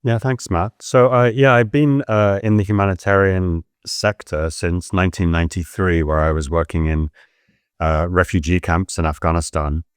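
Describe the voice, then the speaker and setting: A middle-aged man who grew up in Pakistan, explaining his work as an interview guest in a measured, hedging way. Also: low voice, fairly even intonation, smooth, no echo, clean studio sound. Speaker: guest, humanitarian adviser. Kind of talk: casual interview chat.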